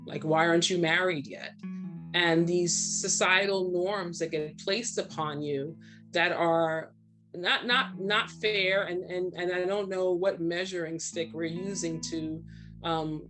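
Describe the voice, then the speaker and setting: Speaking over music, a woman in her forties from Brooklyn and Trinidad talks candidly about herself as a panel guest, often checking in with "right?". Her pitch is fairly low and her pace unhurried.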